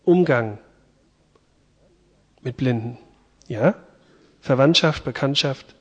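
Man preaching slowly in a reverberant church. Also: mid-range voice, lo-fi sound. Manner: retells scripture in a chatty, lively way. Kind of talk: sermon with Bible reading.

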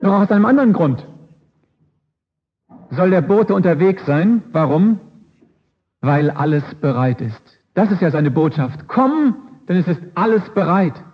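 A man's voice: fairly high pitch, breathy edge. A man preaching a sermon emphatically, with rhetorical questions and repeated phrases, on a dull lo-fi recording.

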